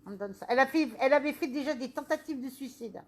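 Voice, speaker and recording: A woman medium giving a live reading, her voice sitting fairly high. She keeps asking questions and talks in an animated way, coming back again and again to the same phrases. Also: fast. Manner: animated, questioning, repeats "on me le donne".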